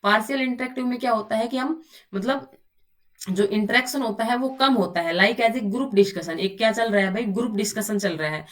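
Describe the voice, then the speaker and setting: A woman's voice: on the high side, fairly quick. Brief: woman teacher in a recorded online lecture, slightly distant mic, asks her class questions and answers them herself. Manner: quizzes listeners with rhetorical questions, answers herself; often says "bhai" to students. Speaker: online exam coaching teacher.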